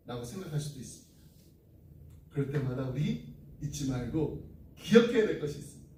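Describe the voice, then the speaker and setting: A pastor with a high voice delivers an earnest sermon. The sound is roomy and a bit distant, picked up from across a church sanctuary. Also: male voice, a little mellow. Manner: earnest preaching, closing in prayer. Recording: echoey room, distant mic.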